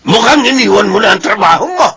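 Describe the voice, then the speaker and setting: An actor playing an angry older father-in-law in a radio drama, speaking with a raspy voice. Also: high voice, animated, fast talker, pushed and bright, full character voice. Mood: scolding.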